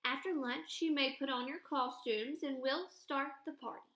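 A woman reading aloud, voicing a calm, orderly female teacher in a storybook. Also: sits high, normal speed, reverberant. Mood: firm.

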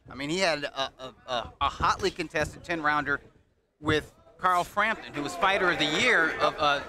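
A man's voice: fairly high pitch, moderate pace. A man giving unscripted colour commentary on boxing in a conversational, explanatory way. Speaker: boxing analyst. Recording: live event with crowd noise behind. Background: boxing crowd.

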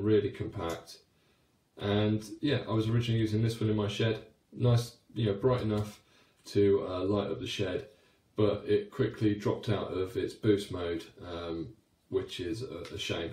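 A deep-voiced man in his thirties talks through a product review in a loose, chatty way, full of fillers and restarts. His voice rings with the echo of a small, hard-walled room. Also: steady tone, normal speed, mellow. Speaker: cycling light reviewer. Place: small wooden shed, then a home room.

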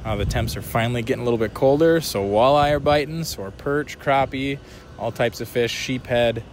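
Wearing an action camera on his body, a man narrates a casual fishing vlog from a rocky riverbank, sounding upbeat and excitable. His medium-pitched voice moves fairly quickly, and the noisy outdoor audio carries wind, general outdoor noise and a train going by.

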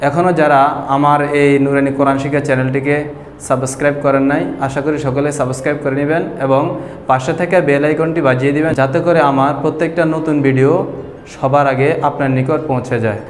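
A man's voice: medium pitch, fairly even intonation. Patient male teacher in an echoey room. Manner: slow, patient explaining, drawing out example sounds. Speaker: Quran reading teacher. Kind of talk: whiteboard lesson on Quran pronunciation. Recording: echoey room with long reverb and faint noise.

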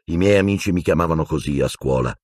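Male narrator as calm middle-aged wizard mentor, measured, husky, dry studio read. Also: extremely low pitch, no room sound. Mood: explaining. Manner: measured, explaining, mildly impatient.

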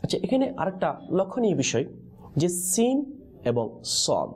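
A man teaching the pronunciation of Quranic letters in a lesson, pausing on questions so his students answer in chorus. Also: sits high, wildly swooping pitch, darkish tone. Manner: call-and-response teaching, prompting answers with questions.

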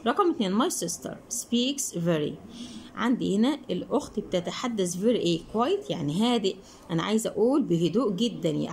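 A woman with an Egyptian Arabic accent explains an English textbook lesson. She asks questions and answers them herself, and she reads the English words slowly before explaining them quickly. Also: medium pitch, darkish tone, a little hiss or hum, rough recording. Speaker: English teacher.

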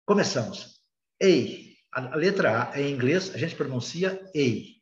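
A man's voice: medium pitch, expressive, unhurried, reverberant, muffled recording. A Brazilian man with a Brazilian Portuguese accent teaching a recorded beginner lesson, explaining patiently and hesitantly with many filler sounds. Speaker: English teacher.

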